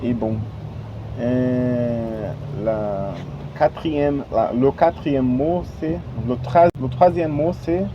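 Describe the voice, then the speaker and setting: A Portuguese-native man learning the language speaks slowly and haltingly in a casual vlog monologue, searching for words and using many fillers. His voice is mid-range, and the outdoor recording is dull and lo-fi with street noise.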